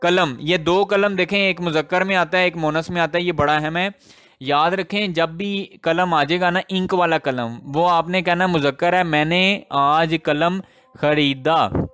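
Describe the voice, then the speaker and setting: A man teaching a grammar lesson, explaining slowly with example sentences and repeating the key words. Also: high voice, fairly bright tone, smooth. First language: Urdu.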